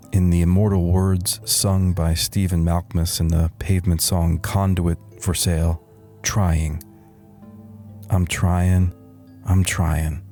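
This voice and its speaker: In a heavily acted performance, a man plays a weary, wry middle-aged slacker who has become a meditation guru. His low-sitting voice narrates a satirical guided meditation, deadpan and soothing, with deliberate pauses. The mood is wry and reflective, with soft music behind him.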